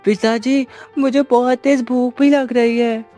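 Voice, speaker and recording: Whiny little village boy, high and pleading, voiced by a man. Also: fairly even intonation, warm tone, faint music behind. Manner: pleading, drawn-out begging.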